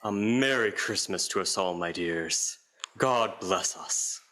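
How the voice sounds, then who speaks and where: A man playing a gentle, loving, humble family father in an amateur radio play. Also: deep voice, takes it slowly, background noise. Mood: soothing, earnest.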